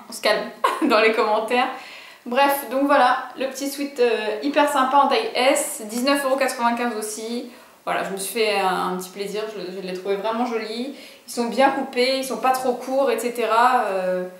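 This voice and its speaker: A woman's voice: fairly high pitch, echoey room. A young woman vlogger chatting casually through a clothing haul, bubbly and full of fillers and asides.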